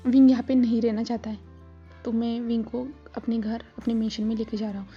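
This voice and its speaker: A woman performs a calm, protective uncle in a storybook retelling, speaking in soothing tones. The voice is dark, mellow and fairly even in pitch. Soft music runs under a slightly muffled recording. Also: a little fast, slightly rough. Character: calm protective grown man, gentle uncle.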